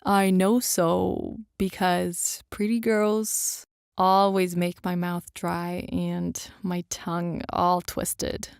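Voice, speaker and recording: A woman's voice: fairly low pitch, little pitch movement, extremely slow, creaky, smooth, no room sound, clean studio sound, voice pushed down, exaggerated voice. Woman putting on a stammering, awkward young male suitor. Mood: bashful, tongue-tied. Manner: nervous stammer, mumbling, hesitant.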